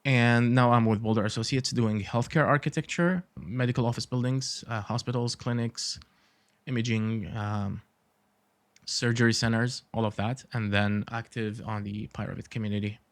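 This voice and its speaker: A man in his forties, an Iraqi architect, chats as a podcast guest in casual interview talk, using many fillers and a dry sense of humor. His mid-range voice keeps fairly even intonation at a moderate pace, with no echo.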